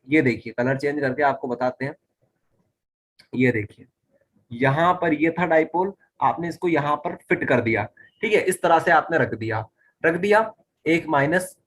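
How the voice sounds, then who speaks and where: A man's voice: a little high, a bit bright. Repetitive, checking-in male physics teacher. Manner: repeats key phrases, constantly checks understanding with "ठीक है". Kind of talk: explaining a lesson at a whiteboard.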